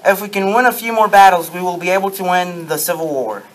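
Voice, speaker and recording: A man's voice: sits high, quick pace, natural voice, poor audio. A young man voicing a proud Confederate statesman in an amateur sock-puppet show, with stiff, recited lines. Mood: proud, earnest. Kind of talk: amateur puppet-show role-play, scripted. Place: darkened room with projection screen, puppeteers low at front.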